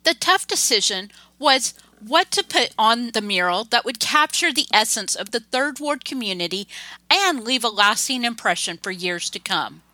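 A woman's voice: a little high, expressive, pushed and bright, no echo, rough recording. Woman narrating a documentary over music. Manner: measured, reads quotes aloud.

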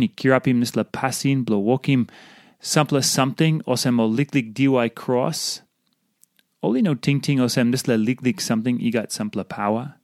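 A man's voice: medium pitch, darkish tone, dry recording. Man giving a dry, close-sounding devotional talk. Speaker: devotional speaker. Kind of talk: devotional talk, scripture reading and exposition.

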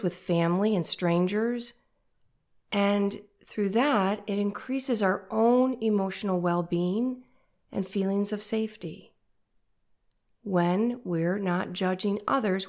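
A woman with a nasal voice at an average pitch hosts a faith-based podcast. She talks in a conversational way, addressing the listener directly. Her manner is that of an encouraging coach. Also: a little mellow.

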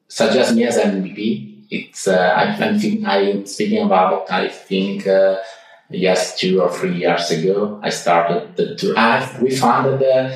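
An Italian man, speaking English as his second language, is a guest in a casual interview recorded at home in Switzerland. His voice is low-pitched, and he answers hesitantly, full of fillers and restarts. The low-quality recording has heavy reverb and a distant mic.

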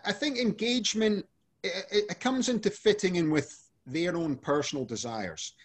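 Here a Scottish energy company CEO, appearing on a podcast, talks at a normal speed in a voice that sits high. His replies to the questions are casual and loose, peppered with fillers.

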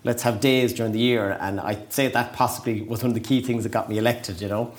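A man's voice: fairly low pitch, fairly even intonation, quick pace. A man in his forties with a west of Ireland accent, chatting casually and self-deprecatingly as an interview guest. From County Galway, Ireland. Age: 40s. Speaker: podcast guest.

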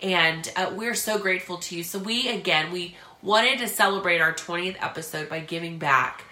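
A woman co-hosting a casual podcast, effusive and quick to affirm. Her voice is bright and forceful. The recording has a noticeable room echo. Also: on the low side. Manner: effusive, affirming, bursts into excited squeals. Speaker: podcast co-host.

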